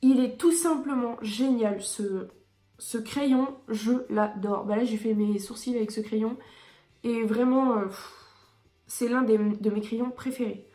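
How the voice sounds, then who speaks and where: A woman's voice: fairly high pitch, unhurried, warm tone, reverberant, soft background music. A woman beauty vlogger reviewing her favourite products in a chatty, enthusiastic way with frequent hesitations.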